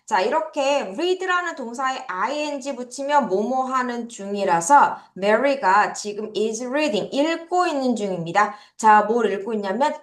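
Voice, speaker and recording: A Korean-accented woman leads an online English vocabulary lesson and drills pronunciation, asking students to repeat each word after her. Her voice sits fairly high and rises and falls a great deal. The sound carries a noticeable room echo. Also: expressive, slow pace, few pauses.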